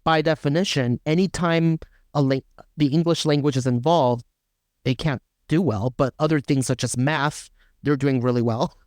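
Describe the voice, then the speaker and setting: This co-host's voice is a little high and darkish, moving at normal speed as he works through ideas in a casual academic podcast chat, with fillers, restarts, and frequent "right?" check-ins. The sound is studio quality with no room sound.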